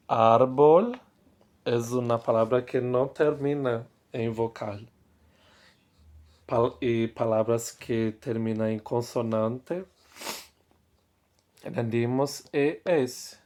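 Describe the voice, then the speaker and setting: A man teaching a language class at an unhurried, very slow pace. His voice sits in the middle range, neither high nor low. He repeats each example patiently and keeps checking that his students follow. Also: darkish tone. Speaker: Spanish teacher.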